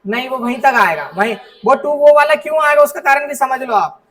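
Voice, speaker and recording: A man's voice: extremely high pitch, expressive, fairly quick, pushed and bright, far from the mic, rough recording. A man teaching a computer class step by step to students in a classroom, often checking that they follow along. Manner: explains step by step, often checks understanding with "ठीक है". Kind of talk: classroom software lesson.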